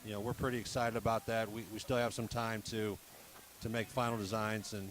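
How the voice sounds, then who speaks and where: With crowd noise in the background, a bat company's representative chats in a casual broadcast interview, full of "um" and "you know." His voice is fairly low with little pitch movement, and he talks a little fast.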